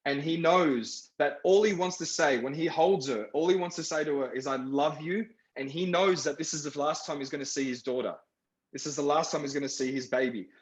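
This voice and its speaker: Speaking on a panel over a video call, a male film director reflects on his work and tends to repeat phrases. His voice is a little high and brisk, and the recording sounds roomy and muffled.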